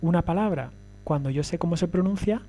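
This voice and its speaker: A man's voice: a little high, brisk, warm tone. A man giving a recorded lecture, explaining step by step and often checking that listeners follow.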